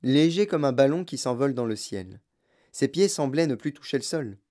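A male narrator reading a children's story aloud. His delivery is expressive and steady, at a middle pitch. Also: moderate pace. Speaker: audiobook narrator. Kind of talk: scripted narration.

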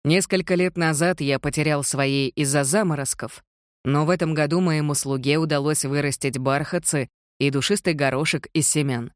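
An audiobook reader voicing a courteous, evasive young gentleman in a polite, reassuring manner. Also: medium pitch, fairly even intonation, moderate pace, dry recording, studio quality, close to an everyday voice.

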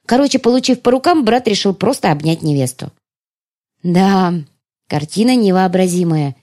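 A woman reading an audiobook in the first person, with an expressive delivery. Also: medium pitch, moderate pace. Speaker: audiobook narrator.

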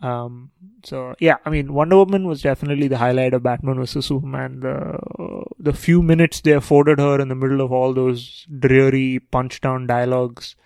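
A man's voice: medium pitch, steady tone, normal speed, creaky, darkish tone, dry recording. Dry-voiced man in sarcastic banter. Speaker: podcast co-host. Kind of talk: casual chat.

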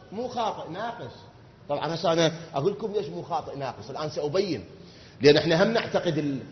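A man with an Iraqi Arabic accent preaching a sermon, animated and full of rhetorical questions, swinging from loud outbursts to quiet asides. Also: high voice, reverberant, long reverb tail, lo-fi sound, a little hiss or hum. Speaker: religious preacher.

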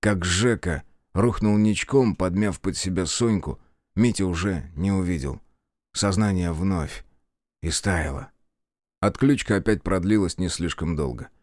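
Low-voiced male audiobook narrator. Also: a little slow, darkish tone, no echo, clean studio sound. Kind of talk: scripted dramatic narration.

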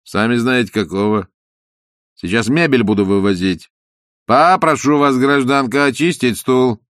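A man's voice: medium pitch, measured pace, a bit bright, no echo, studio quality, natural voice. A man doing a stern, cocky swindler. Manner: curt, stern, commanding.

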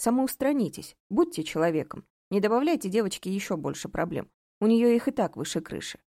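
A woman's voice: mid-range voice, big pitch swings, brisk, dark tone, dry recording, clean studio sound. A woman reading the lines of a stern, imperious middle-aged mother who is a judge, speaking sharply and with sarcasm in an audiobook. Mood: cold stern.

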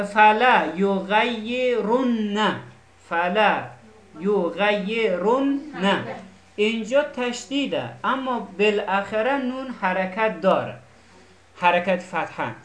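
A woman teaching a class, patiently explaining and often asking if the students follow. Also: mid-range voice. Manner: patient, keeps checking students understand. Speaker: Arabic teacher. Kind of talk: classroom lesson. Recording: echoey classroom.

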